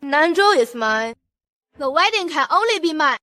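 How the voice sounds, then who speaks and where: A woman's voice: high-pitched, lively intonation, normal speed, pushed and bright, soft background music. A woman playing a jealous, scheming young rival in a dubbed drama who speaks with possessive scorn.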